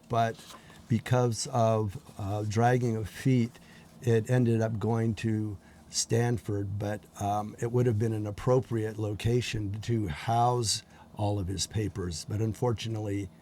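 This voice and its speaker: Man, middle-aged, TV guest, halting, dark low voice, faint background hiss. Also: little pitch movement. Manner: halting, many ums and uhs. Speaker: guest from a community organization. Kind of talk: TV interview.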